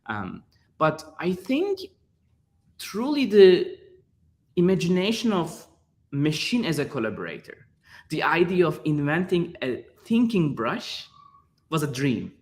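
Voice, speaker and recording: Speaking with a Turkish accent, this guest artist from Turkey, a man in his thirties, feels his way through interview answers with frequent fillers and repetitions. His slightly high voice is sing-song and a little slow, with long pauses.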